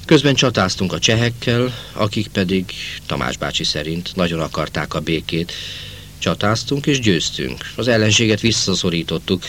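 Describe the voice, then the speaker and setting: A man narrating a novel as an audiobook, in a measured first-person storytelling manner. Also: sits low, expressive, a bit bright, a little hiss or hum. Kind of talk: novel reading.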